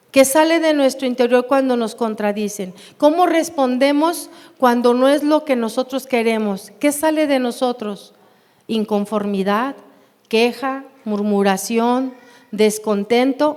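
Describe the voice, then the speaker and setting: A woman with a Mexican Spanish accent teaching a Bible class in a church, unhurried and often asking her listeners questions. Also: high-pitched. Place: church hall. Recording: long hall reverb.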